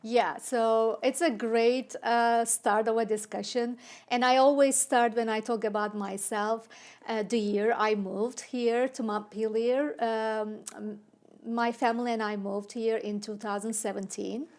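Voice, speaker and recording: Turkish accent woman chatting in an interview, lively, fillers and restarts, kinda high voice. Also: a little slow. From Turkey. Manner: animated storyteller, many fillers and restarts. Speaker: city council candidate. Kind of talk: casual interview chat.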